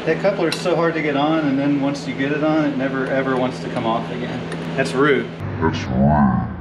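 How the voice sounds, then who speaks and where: A man's voice: mid-range voice, fairly even intonation, fast, very noisy. A man casually narrating as he works on a car engine, joking and talking to himself between steps. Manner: chatty, jokey, talks to himself as he works. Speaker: car builder. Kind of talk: casual how-to narration while wrenching. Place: garage workshop.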